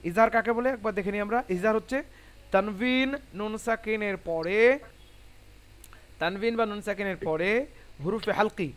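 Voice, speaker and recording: A man teaching Quran recitation in an online class, spelling out syllables slowly and asking students questions. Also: sits high, fairly bright tone, clean tone. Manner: patient, asks students questions.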